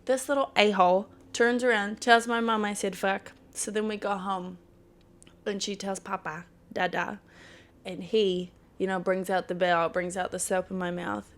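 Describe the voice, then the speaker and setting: A woman's voice: mid-range voice, flat delivery, normal speed. A woman in her thirties hosting a casual solo podcast, talking candidly, swearing freely and laughing often. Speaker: podcast host.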